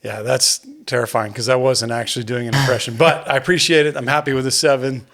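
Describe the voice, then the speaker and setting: A man's voice: medium pitch, steady tone, fast, fairly bright tone. A man co-hosting a podcast in casual chat, with dry, self-mocking humor. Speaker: podcast co-host.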